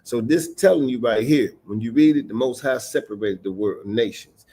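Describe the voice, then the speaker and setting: A man teaching scripture on a livestream, mixing casual slang with slow, stressed readings of old verses. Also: medium pitch, dark tone, husky. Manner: emphatic, stresses single words while reading scripture aloud; casual street slang mixed with King James reading. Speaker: religious teacher.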